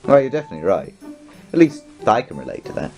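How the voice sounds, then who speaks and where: A man's voice: medium pitch, very animated, fast talker, darkish tone, faint music behind. A young man joking wryly while playing through a game with a friend. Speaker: let's player. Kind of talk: casual chat.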